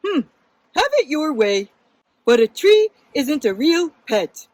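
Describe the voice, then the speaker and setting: Woman voicing a high, disapproving storybook skeptic. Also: big pitch swings, takes it slowly, a little mellow, slight background noise, full character voice, low-quality recording. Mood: smug, skeptical. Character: skeptical, dismissive storybook naysayers about pet trees. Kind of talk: storybook character reading.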